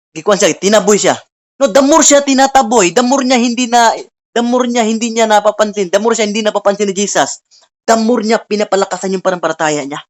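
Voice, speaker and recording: A woman preaching earnestly at an online Bible study over a video call, often tagging her lines with a questioning "no?". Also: medium pitch. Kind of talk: online sermon.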